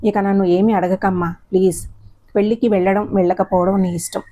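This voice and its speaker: A woman's voice: medium pitch, level tone, brisk, dark tone, close to an everyday voice. A woman voicing a guilt-ridden middle-aged mother who speaks sorrowfully. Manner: sorrowful, pleading.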